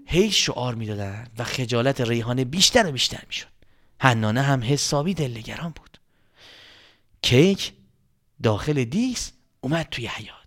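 A man narrating a children's story, animated, with exclamations and dramatic whispers. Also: mid-range voice.

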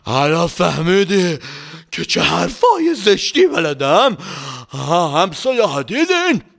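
A bad-tempered, muddled grown man on a journey, put on by a male storyteller. The voice sits high and sounds bright and gravelly, swooping all over as he scolds and grumbles. It is recorded close and dry. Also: expressive, dry recording, exaggerated voice. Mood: gloating. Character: hot-tempered, rude grown man traveler, muddled and boastful. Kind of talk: storybook character voice.

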